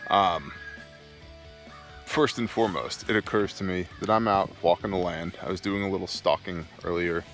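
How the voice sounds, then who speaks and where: A middle-aged man talking casually to viewers as a folksy gun enthusiast and preparedness host, making emphatic points in short deliberate phrases. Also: low voice, a bit bright, faint music behind. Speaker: homesteading and preparedness video host. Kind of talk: casual off-the-cuff vlog talk to viewers. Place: outdoors, walking on own rural land.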